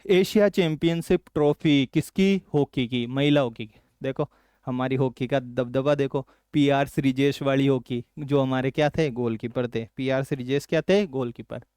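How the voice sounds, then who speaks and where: A male teacher from Rajasthan, India, runs a current affairs exam-prep lesson, asking quick questions and then answering them lower and softer. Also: clear, resonant tone, dry recording, studio quality.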